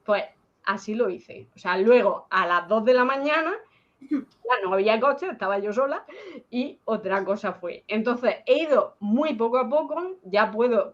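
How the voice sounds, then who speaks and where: A woman with a Spanish accent from Spain, chatting about a personal experience on a video call, talking with many fillers and restarts. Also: fairly high pitch. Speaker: guest. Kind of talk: personal story in casual chat. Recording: dull lo-fi call audio.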